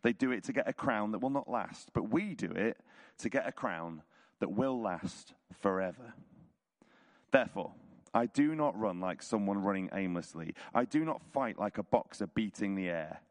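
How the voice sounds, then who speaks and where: In a reverberant hall, a church leader with a hoarse, croaky, lowish voice reads a chapter of scripture aloud during a service. He opens casually, then moves into an expressive, measured, rhetorical reading.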